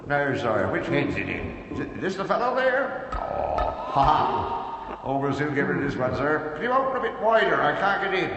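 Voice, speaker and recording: A man's voice: on the high side, sing-song, moderate pace, creaky, dull audio. A man voicing a kindly, put-upon cartoon servant with a British accent, muttering fussily and deferentially to himself. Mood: eager, deferential. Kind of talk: British cartoon character acting. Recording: noisy soundtrack with constant background sounds.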